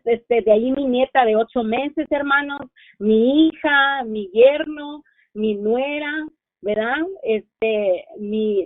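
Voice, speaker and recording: A woman's voice: high-pitched, no echo. Fervent middle-aged woman over a phone line. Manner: fervent, keeps addressing listeners as sisters. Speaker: church member giving testimony. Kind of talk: religious testimony. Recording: tinny dry phone-line sound.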